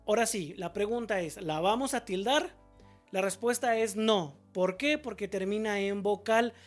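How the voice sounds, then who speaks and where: Faint music plays behind a woman teacher who speaks at medium pitch and a moderate pace. Patiently explaining spelling, she raises questions, answers them herself, and breaks example words into drawn-out syllables.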